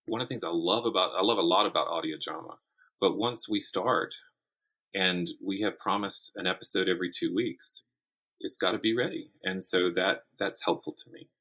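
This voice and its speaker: A middle-aged writer, appearing as an interview guest, talks thoughtfully and conversationally about writing craft, frequently restarting his phrases. His low voice moves at normal speed and sounds pushed, bright and husky, captured in low-quality audio.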